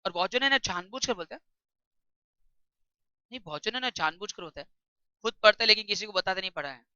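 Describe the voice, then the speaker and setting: A woman tutor giving a classroom lecture, reading English text slowly and explaining it in chatty while quizzing her students. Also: mid-range voice, expressive, bright, forceful tone, smooth, dry recording. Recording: dull lo-fi recording.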